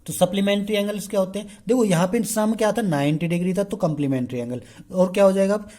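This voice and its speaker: A man's voice: high-pitched, warm tone. A man teaching a math lesson. He mixes Hindi with English math terms, asks the class questions and answers them himself, and keeps checking in with the students. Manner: keeps checking in with the class by saying "okay" again and again; slow and drawn out while writing on the board. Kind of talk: explaining a lesson.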